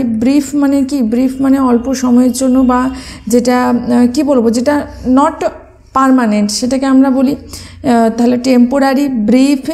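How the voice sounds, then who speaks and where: A woman's voice: sits high, creaky, mellow. A woman teaching exam vocabulary, spelling words out letter by letter and asking and answering her own questions. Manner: frequent fillers, mixes English words into speech. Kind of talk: exam prep lesson.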